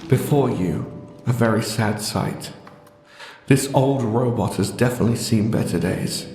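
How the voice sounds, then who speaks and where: A man playing a wry game narrator, reading scripted descriptions in a deadpan, sardonic manner. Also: medium pitch, a little slow, natural voice. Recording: echoey hall reverb with music behind. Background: music.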